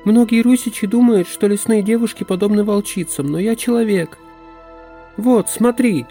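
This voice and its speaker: A woman's voice: medium pitch, normal speed, warm tone, faint music behind, voice pushed up, close to an everyday voice. A man voicing a passionate young forest woman, pleading and intense in an audiobook.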